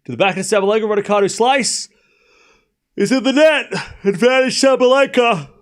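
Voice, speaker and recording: A high-voiced man with a mild Australian accent hosts a live tennis watchalong stream at a normal pace. He blends match commentary with relaxed chat and repeats phrases to stress them.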